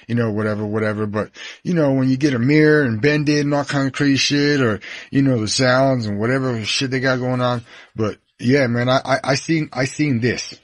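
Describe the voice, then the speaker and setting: A man's voice: mid-range voice, no echo. A man giving a rambling, swearing eyewitness account, describing what he saw as he points around him.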